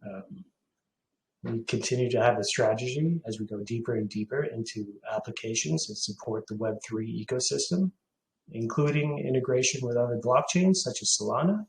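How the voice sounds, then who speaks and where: A Hong Kong man in his forties, a company CEO, answers questions on a video call, pausing often with many filler sounds. His mid-range voice has vocal fry, and the audio is poor and reverberant.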